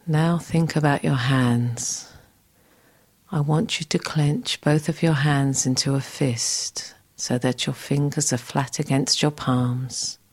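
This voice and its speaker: A woman guiding a scripted relaxation exercise in a soft, soothing, breathy, near-whispered voice. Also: sits low, fairly even intonation, slow. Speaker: relaxation guide.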